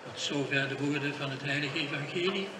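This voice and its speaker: A man's voice: fairly high pitch, fairly quick. An older man, a priest, giving a solemn funeral sermon and reading scripture aloud. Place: church during funeral service. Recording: echoey hall from far off, noisy.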